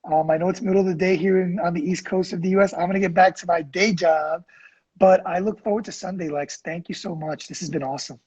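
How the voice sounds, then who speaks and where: A middle-aged man co-hosting a casual conversation, chatty, expressive and self-deprecating. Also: high-pitched, quick pace, slightly rough, dull audio. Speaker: co-host.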